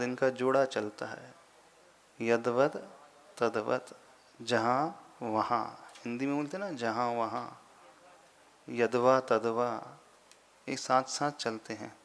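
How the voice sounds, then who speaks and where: A man, a monk teaching Sanskrit verse pronunciation, patiently repeating syllables slowly and deliberately. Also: medium pitch. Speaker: Jain monk teaching scripture recitation. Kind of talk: slow explanatory lesson on Sanskrit pronunciation.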